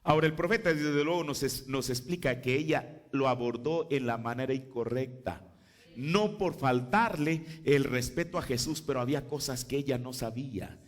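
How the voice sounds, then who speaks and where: A man from Mexico preaching a sermon, who swings between quiet, low passages and loud, high bursts of emphasis, and acts out biblical dialogue in changing voices. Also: moderate pace.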